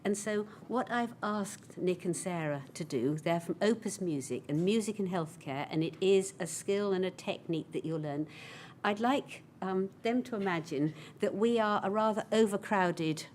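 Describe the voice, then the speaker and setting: A woman's voice: medium pitch, moderate pace, a little mellow, slight background noise. A woman hosting a conference session, talking in a chatty, storytelling way. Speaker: conference host. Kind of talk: conference talk.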